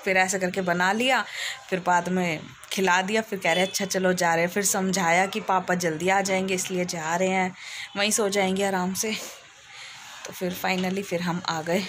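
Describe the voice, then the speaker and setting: A woman's voice: medium pitch, a bit bright, a little hiss or hum. A woman narrating her day in a casual home vlog, telling it in a chatty, rambling way. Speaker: vlogger.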